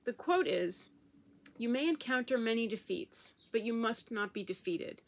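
A woman's voice: fairly high pitch, expressive, vocal fry. Emotional woman talking to her vlog. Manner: emotional, halting, tearful at times. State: close to tears. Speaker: vlogger. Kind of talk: personal video blog, emotional.

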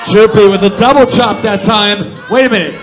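A man doing excitable, profane live wrestling play-by-play commentary. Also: high-pitched, brisk, background noise. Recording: loud crowd and music at a live venue.

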